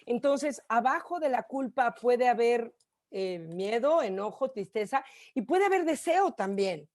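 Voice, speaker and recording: A woman's voice: on the high side, lively intonation, unhurried, a little mellow. A Mexican woman leading an online group session, encouraging and colloquial, heard over a video call. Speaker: workshop facilitator.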